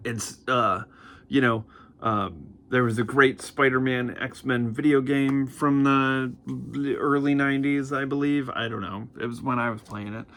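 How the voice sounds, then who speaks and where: Rambling, excited man reviewing comics. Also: medium pitch, measured pace. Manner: rambling and enthusiastic, full of fillers. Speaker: comic book reviewer host. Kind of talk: casual vlog chat.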